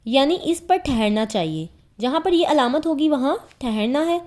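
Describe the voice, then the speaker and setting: A woman's voice: sits high, sing-song, a little mellow. A woman with a Pakistani Urdu accent giving an explanatory Quran lesson, patiently repeating each point in simpler words. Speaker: Quran teacher.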